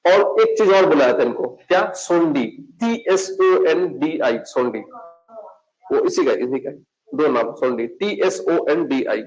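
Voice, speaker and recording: A man with an Indian accent teaching an exam coaching class, slowly dictating and spelling out words letter by letter. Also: fairly high pitch, expressive, darkish tone, highs cut off.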